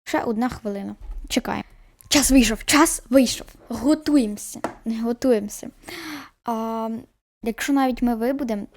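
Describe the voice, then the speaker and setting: A woman's voice: a little high, moderate pace, no echo. A woman chatting to her viewers while she plays a baking game, sometimes dropping into a whisper. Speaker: gaming video host. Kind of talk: casual gameplay commentary.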